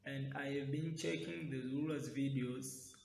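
A man's voice: medium pitch, steady tone, moderate pace, vocal fry, a little mellow, slight background noise. A young Tanzanian man giving an earnest, simply worded testimony to the camera indoors. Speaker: church member giving testimony. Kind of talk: video testimony. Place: indoors in a room. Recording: echoey room.

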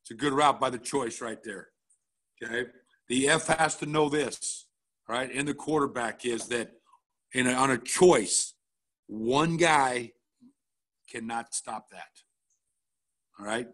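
Blunt football coach breaking down film. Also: male voice, medium pitch, a little slow, long pauses, a bit bright. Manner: blunt, casual, peppered with "all right?".

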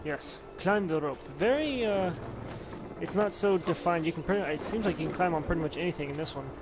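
A man's voice: a little high, a little fast. A man giving casual, rambling commentary while playing a game, muttering and mildly cursing to himself. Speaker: gaming commentator. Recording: loud game music behind.

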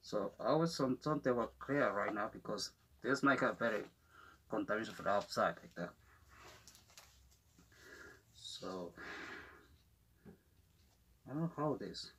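A man speaking through a gas mask in halting, rambling non-native English, giving casual unboxing commentary as a vlogger. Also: fairly low pitch, animated, a bit bright, slight background noise, poor audio.

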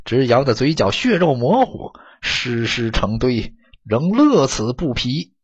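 A man narrating an audiobook story in an expressive, dramatic storytelling manner, on a dull lo-fi recording. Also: medium pitch, a little slow, slightly rough.

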